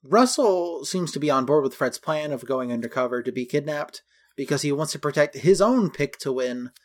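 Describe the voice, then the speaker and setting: A man co-hosting a podcast, chatting loosely about a film with a slightly higher voice than most men. He lists details one after another in a relaxed, talky way. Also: moderate pace. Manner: chatty, detailed, goes through costumes item by item. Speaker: podcast co-host. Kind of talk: casual film recap chat.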